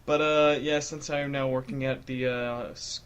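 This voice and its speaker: A young man hosts a relaxed podcast chat, trading jokes and light teasing with his friends. His voice sits in a middling register. A faint hiss runs under the recording. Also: mid-range voice, normal speed. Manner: joking, playful teasing. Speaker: podcast host. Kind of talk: casual chat.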